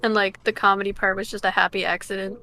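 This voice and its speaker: A woman's voice: medium pitch, little pitch movement, fast, sharp tone. A woman co-hosting a podcast, chatting casually and joking, laughing often. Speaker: podcast co-host. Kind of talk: casual chat.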